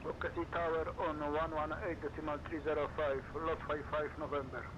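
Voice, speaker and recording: A man's voice: on the high side, level tone, a little fast, highs cut off. A man speaking as a pilot, giving clipped readbacks over aviation radio. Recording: noisy radio transmission.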